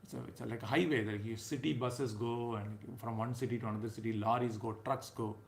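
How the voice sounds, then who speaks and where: A man's voice: on the low side, steady tone, quick pace, slight background noise. A man in his thirties with a South Indian accent, giving an informal, conversational sermon as a spiritual teacher, emphatic and checking in with his listeners. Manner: conversational, emphatic, often ending phrases with a checking "right?". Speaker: spiritual teacher leading a scripture class. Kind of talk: informal sermon with anecdotes and chanted verses.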